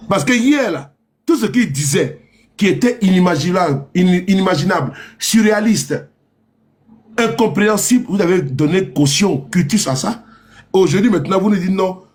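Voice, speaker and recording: A man delivering a sarcastic political rant, mocking and repetitive, often laughing at his own jokes. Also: sits high. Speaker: political commentator.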